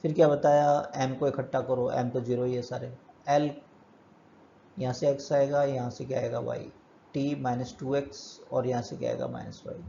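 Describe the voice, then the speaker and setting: A male physics teacher works through problems step by step in a classroom lecture, posing questions and answering them himself. His mid-range voice is gravelly and dark, with lively intonation at a normal speed. The recording is muffled and has a slight hiss or hum.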